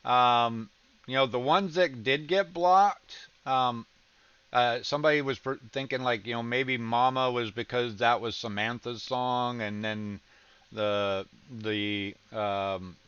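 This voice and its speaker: A man's voice: medium pitch, steady tone, slow, a bit bright, clean tone, no echo, muffled recording. A man hosting a casual livestream reaction chat, rambling with lots of ums and restarts, with a slight Southern American accent. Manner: rambling, many ums and restarts, laughs easily. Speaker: reaction streamer host.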